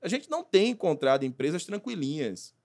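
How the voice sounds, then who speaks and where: A man, a consultant talking as a podcast guest, animated and acting out little dialogues. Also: fairly high pitch, brisk. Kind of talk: casual podcast conversation.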